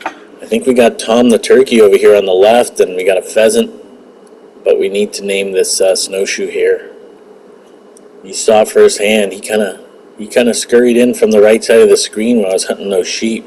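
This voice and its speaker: A man talks through a hunting game in a relaxed, rambling way, often restarting his words. His voice sits low and mellow, with a bit of game sound faintly behind him. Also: normal speed, slight background noise, low-quality recording. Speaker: gaming channel host. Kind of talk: casual gameplay commentary.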